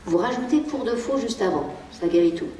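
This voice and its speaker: A woman with a French accent giving a live conference talk to an audience, lively and playful, acting out the lines she quotes. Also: mid-range voice, a little fast, slight background noise. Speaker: speaker giving a public lecture on child emotions. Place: lecture hall with audience. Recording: echoey hall, distant mic.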